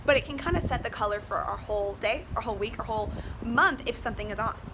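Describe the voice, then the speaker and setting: A woman's voice: a little high, fast. A woman giving earnest, emphatic relationship advice straight to her viewers, filming herself selfie-style on a boat. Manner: earnest, emphatic, asking rhetorical questions. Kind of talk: direct-to-viewer motivational vlog talk. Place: outdoors on a boat. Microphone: handheld selfie camera at arm's length. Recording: noisy outdoor selfie recording on a boat.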